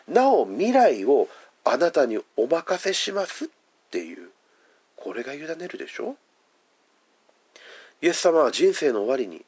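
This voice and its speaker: Man, pastor, sermon, animated pitch, mid-pitched voice, slow emphatic stresses, hushed endings. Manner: emphatic, drawn-out phrasing with soft, hushed endings.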